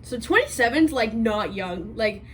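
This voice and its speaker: Woman, 20, commentary YouTuber, sarcastic and rambling, slightly high voice. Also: animated, fairly bright tone, slight background noise, low-quality recording. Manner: sarcastic, rapid rambling with restarts. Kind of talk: commentary vlog.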